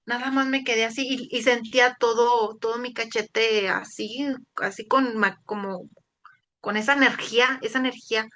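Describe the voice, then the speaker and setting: Bright, earnest woman sharing testimony. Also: a little high, steady tone, a little hiss or hum. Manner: earnest, halting, with laughs and restarts. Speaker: interviewee giving a faith testimony. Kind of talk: casual personal testimony.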